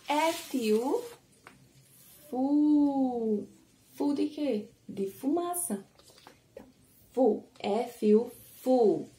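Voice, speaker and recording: A woman's voice: fairly high pitch, mellow, slight background noise. A woman with a Brazilian Portuguese accent teaching a phonics lesson to small children, stretching out syllables and asking coaxing questions. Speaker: preschool teacher. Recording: roomy echo.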